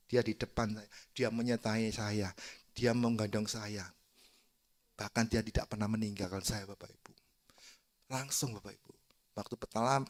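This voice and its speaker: A male evangelist, preaching a sermon in an emphatic style that swings from soft to loud and asks the congregation questions. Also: medium pitch. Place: church service.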